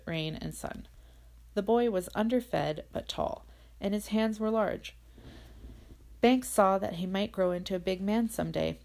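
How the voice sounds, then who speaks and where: A woman narrating an audiobook in a measured, expressive reading style. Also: lowish voice, creaky.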